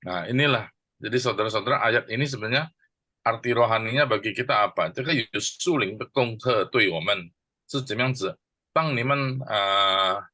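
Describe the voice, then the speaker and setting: A man teaching a church Bible class at a slow, deliberate pace, breaking a verse down word by word. He poses questions and answers them himself. His voice is bright and forward, and the recording is dry and close. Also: mid-range voice, no room sound. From Indonesia. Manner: slow and deliberate with many pauses. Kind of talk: teaching a Bible verse, mixing two languages.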